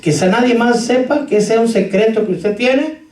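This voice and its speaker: Telling stories and speaking directly to his congregation, this pastor preaches in a church hall with a very high, slightly mellow voice at normal speed. The audio carries a roomy echo and sounds far away.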